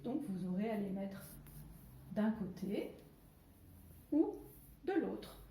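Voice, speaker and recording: A woman teacher giving a video lesson to young children from home, speaking slowly and articulating carefully, with playful exclamations. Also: mid-range voice, dark tone. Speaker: primary school teacher. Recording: echoey room.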